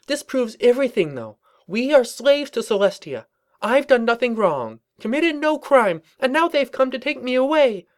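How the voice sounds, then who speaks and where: A man's voice: sing-song, normal speed. A man voicing a frantic, paranoid young female pony who is dramatic and overwrought. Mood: indignant. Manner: shrill and overwrought, warbling when singing.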